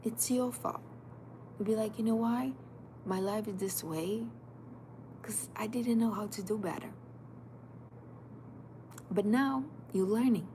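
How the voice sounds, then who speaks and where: With a dark, medium-pitched voice, a woman in her thirties speaks slowly and pauses often during a motivational livestream. A life coach whose native tongue is Portuguese, she urges viewers emphatically and directly, repeating "you" over noisy background sound.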